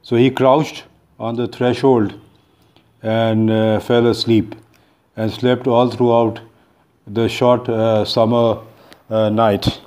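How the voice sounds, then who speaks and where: A man's voice: mid-range voice, flat delivery, slow pace, pauses often, a little mellow. Hesitant Indian man retelling a story. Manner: hesitant, many fillers and restarts. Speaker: book talk presenter. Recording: dull lo-fi recording.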